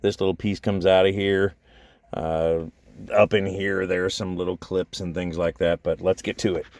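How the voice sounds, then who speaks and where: A man hosting a casual car repair how-to, chatty and dropping deadpan jokes. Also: sits low, normal speed, dry recording. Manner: joking, chatty, deadpan asides. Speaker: DIY car repair host.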